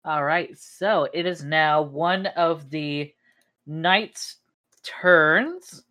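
A woman's voice: low voice, very slow. A woman running a tabletop game as game master, narrating and laughing often. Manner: laughs often, animated and loose.

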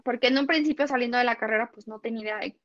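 Young Mexican woman, animated storyteller. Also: fairly high pitch, very fast, no echo, muffled recording. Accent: Mexican Spanish. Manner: animated storytelling, acts out dialogue, laughs often. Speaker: guest. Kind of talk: casual interview chat.

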